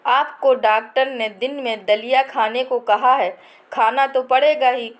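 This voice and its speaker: A woman voicing a patient, dutiful young daughter-in-law who answers politely, in a slow storybook reading. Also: sits high, steady tone. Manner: gentle, polite.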